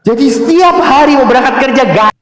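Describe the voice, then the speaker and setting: A man's voice: extremely high pitch, animated, fairly quick, fairly bright tone. A man giving a question-and-answer sermon to a congregation, telling stories with humor and acting out husband and wife in voices. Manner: humorous storytelling, addresses the congregation. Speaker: Islamic preacher. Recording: very echoey hall with long reverb.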